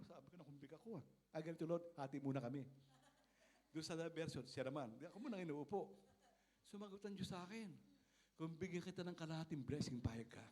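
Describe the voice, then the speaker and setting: A man with a Filipino accent, a pastor preaching a sermon, telling stories with animated acted-out dialogue and laughter. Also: fairly high pitch. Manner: animated storytelling, acting out dialogue, frequent laughs. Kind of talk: sermon with storytelling.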